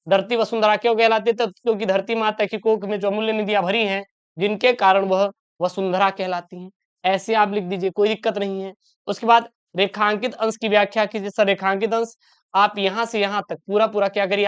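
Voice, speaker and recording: A male teacher with a Hindi-speaking north Indian accent guides students through exam answers in a steady, reassuring way. His voice is smooth and clear, and it comes through a slightly dull, lo-fi recording. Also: sits high. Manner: addresses students as beta, reassuring. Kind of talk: exam-prep lesson. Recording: dull lo-fi sound.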